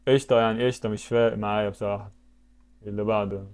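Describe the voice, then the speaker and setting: A man's voice: on the low side, steady tone, racing, darkish tone, clean tone. A man with an Egyptian Arabic accent giving casual commentary while playing web games, thinking aloud and breaking into sudden exclamations. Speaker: YouTuber.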